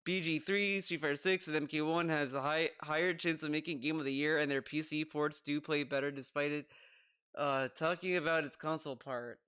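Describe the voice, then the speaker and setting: A man's voice: a little high, steady tone, a little fast, bright, forceful tone, clear, resonant tone. A man giving casual reaction commentary, ranting with exasperation, swearing and mockingly quoting the person he criticises. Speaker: commentator reacting to another streamer.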